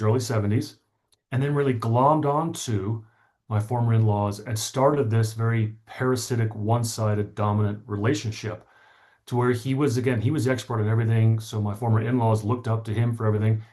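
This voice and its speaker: With a mid-range, darkish voice, a middle-aged man explains his story as an interview guest. He's an author on a podcast who speaks articulately and drives home points through repetition.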